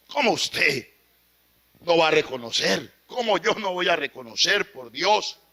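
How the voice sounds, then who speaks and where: Guy preaching a fiery sermon, high sharp voice, goes loud then real quiet. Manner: impassioned, swings from loud to hushed.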